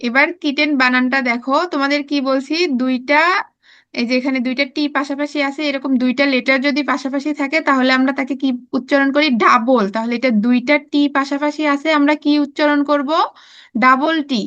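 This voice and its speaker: A woman with a Bangladeshi Bengali accent teaching a preschool class, spelling words out slowly and coaxing the children to repeat after her. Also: high voice, flat delivery, fairly bright tone, muffled recording. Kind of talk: classroom lesson, spelling aloud.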